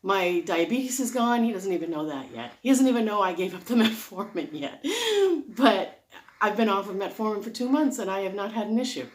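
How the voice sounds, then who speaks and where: In a brisk, medium-pitched voice, a woman vlogs about diet advice. Her talk is a casual, unscripted explanation that wanders into tangents, delivered earnestly and emphatically.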